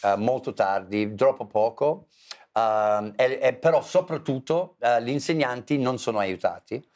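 A man's voice: medium pitch, a little slow. Man teaching in Italian. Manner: animated, hesitant, switching between Italian and English. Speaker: English teacher and author. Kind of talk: conversational interview.

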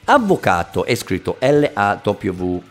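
Playful low-voiced man teaching slowly. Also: sing-song. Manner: playful, jokey, switching between languages. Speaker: podcast host, English teacher. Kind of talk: casual podcast lesson. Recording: faint guitar music behind.

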